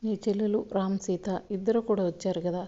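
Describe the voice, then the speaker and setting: A calm older brother tries to settle a family quarrel, read by a woman telling the story. The voice is mellow and soothing, and the recording is a little muffled. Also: medium pitch, brisk, natural voice. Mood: placating.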